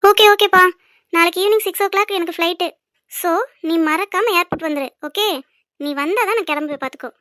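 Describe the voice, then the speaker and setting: A woman's voice: extremely high pitch, a little fast, fairly bright tone, no room sound, clean studio sound. A woman voicing a playful, bossy young woman in a cartoon, teasing and coaxing her friend. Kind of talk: cartoon voice acting.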